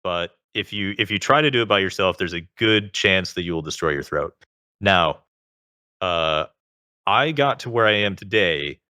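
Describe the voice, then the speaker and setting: A man with a very low-pitched voice edged with vocal fry, speaking as a guest in a conversational interview. His tone is forceful and bright, and the sound is close and dry. He explains things in a measured way, adding qualifications as he goes. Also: expressive, dry recording. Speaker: interview guest, self-taught singer.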